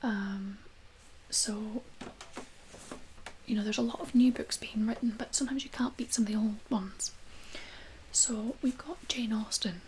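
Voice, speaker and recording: Female, whispered role-play as librarian: breathy, gentle, flat intonation, slightly high, light background hiss. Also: unhurried, low-quality recording. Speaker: ASMR creator playing a librarian recommending books.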